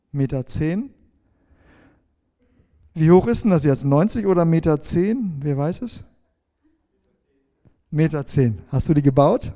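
A man's voice: sits high, warm tone. A middle-aged man preaching a sermon to his congregation, asking them questions and demonstrating with a folding rule as he talks. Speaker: pastor.

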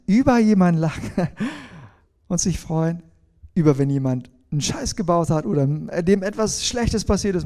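A man preaching a sermon in a conversational way, asking his listeners questions and slowing down on key phrases. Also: fairly high pitch, mellow.

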